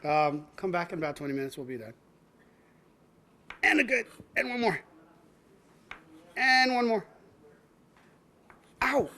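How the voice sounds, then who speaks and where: A man's voice: high-pitched, measured pace, pauses often, sharp tone. A man hosting a cooking show, teaching a child with playful jokes and frequent laughs. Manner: joking, laughs often, talks to a child as "buddy". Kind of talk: teaching kids to cook, playful banter.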